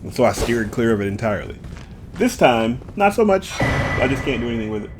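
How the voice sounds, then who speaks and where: A man's voice: mid-range voice, big pitch swings, brisk, faint music behind. A man casually commenting on his own gameplay, playful and jokey, talking straight to his viewers. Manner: playful, jokey, talks to viewers, drifts into sing-song bits. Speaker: gameplay streamer.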